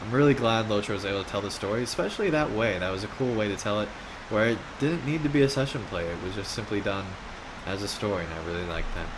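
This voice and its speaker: A man's voice: lowish voice, quick pace, hardly any pauses, noisy background. A man hosting a gameplay video with casual, conversational commentary.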